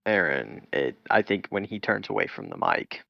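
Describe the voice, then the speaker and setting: A man's voice: low-pitched, huge pitch swings, moderate pace, gravelly, dry recording, highs cut off. A man playing in a tabletop game, explaining things helpfully in easy conversation. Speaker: player. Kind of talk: casual chat.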